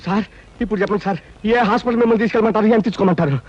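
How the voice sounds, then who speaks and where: A man playing a flattering, smooth-talking fake palm reader in a film comedy scene. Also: high-pitched, rapid-fire. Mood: apologetic. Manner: fawning, honeyed and flattering. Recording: dull film audio with background music.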